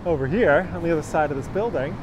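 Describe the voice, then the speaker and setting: On the high side and quick-paced, a man in his thirties talks his way through a live-streamed walking tour. Filming on a phone held at arm's length, he walks a city street, greets viewers by name, and traffic can be heard.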